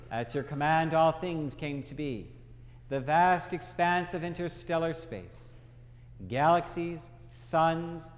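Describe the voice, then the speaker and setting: A man leading a church liturgy as priest, reciting prayer in a measured, reverent way with pauses between short phrases, in cathedral-like echo. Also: on the high side. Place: large reverberant church, indoors.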